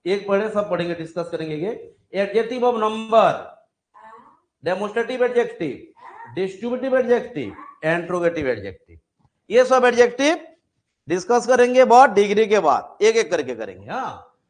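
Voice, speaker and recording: A male English grammar teacher giving a coaching class lecture, listing examples slowly one by one and checking in with frequent "haan" asides. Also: high-pitched, big pitch swings.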